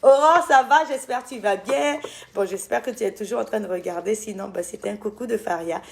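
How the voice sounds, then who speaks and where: A woman's voice: mid-range voice, brisk, vocal fry, a little mellow. Chatty woman with an Ivorian French accent. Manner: chatty, affectionate, calls viewers "my loves"; loses track and corrects herself. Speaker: skincare brand owner answering viewers. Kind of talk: casual live-stream Q&A.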